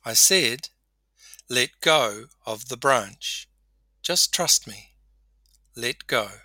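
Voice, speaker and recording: A calm, patient God speaks in an unhurried, matter-of-fact way, as a man telling a story puts him on. The voice is bright and clear in tone and sounds close and dry. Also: mid-range voice, dry recording, exaggerated voice. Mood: firm.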